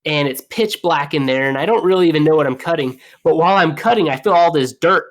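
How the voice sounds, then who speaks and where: A young man, a plumber guest, telling stories in a casual, animated way with lots of fillers. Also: on the high side, quick pace. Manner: animated, laughing storyteller with fillers. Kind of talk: casual storytelling.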